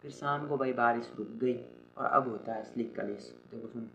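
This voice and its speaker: A man's voice: medium pitch, moderate pace. A young man vlogging, telling a personal story in a rambling casual way, restarting sentences and often checking in with the listener. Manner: rambling, restarts often, keeps saying "theek hai" and calls the listener "bhai". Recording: dull lo-fi audio with loud ambient noise and animal sounds.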